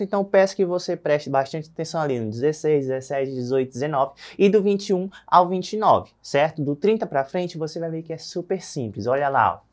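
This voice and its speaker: A Brazilian man teaching a recorded Spanish lesson, addressing viewers directly and slowly drawing out each number. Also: a little high.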